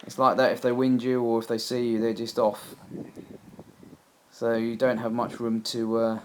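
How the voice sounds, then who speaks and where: A man narrates his own amateur hunting video in a casual, plain, matter-of-fact way, with music playing behind him. His medium-pitched voice stays monotone at a normal speed, and there's a little hiss or hum on the track.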